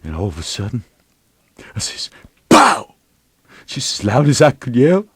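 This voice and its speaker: A remorseful father pours out his grief, as a man reads him aloud in a drawling folksy dialect, his voice sinking low and then breaking out loud. The delivery rises and falls widely, and the sound is close and dry. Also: very animated, moderate pace, slightly rough, dry recording. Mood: anguished. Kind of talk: dramatic reading of a novel.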